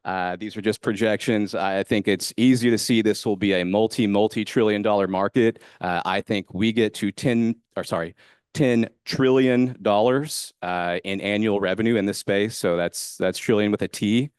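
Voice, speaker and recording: A man's voice: fairly low pitch, steady tone, moderate pace, darkish tone, clear, resonant tone, no room sound, clean studio sound. A man presenting an investment fund at a conference in a confident, emphatic and upbeat way. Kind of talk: conference pitch talk. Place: hotel conference room.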